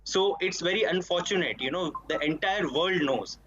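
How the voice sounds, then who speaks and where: An Indian man with a fairly high voice argues his party's case in a TV debate. He is assertive and argumentative, heard over a slightly noisy, muffled remote feed. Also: normal speed. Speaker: party spokesperson, debate panellist.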